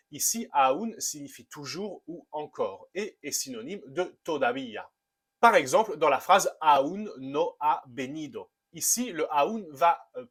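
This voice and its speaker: A young man giving an upbeat language lesson, explaining clearly and reading his examples slowly. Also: fairly high pitch, a bit bright. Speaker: Spanish teacher.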